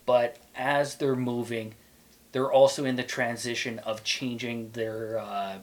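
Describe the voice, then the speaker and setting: A man from Quebec talks history with a friend, wandering through his points. His voice sits at an ordinary middle pitch, and he stops for fillers and restarts as he goes. It sounds like a relaxed podcast chat. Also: a little slow. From Quebec, Canada. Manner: rambling, with many fillers and restarts. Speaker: podcast guest.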